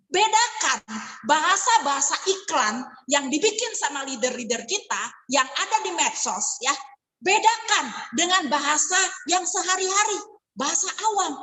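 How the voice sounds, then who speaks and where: A woman giving an online sales ethics lesson, lively and coaching. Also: very high-pitched, low-quality recording. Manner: lively, coaching, acts out sample dialogues. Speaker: sales trainer.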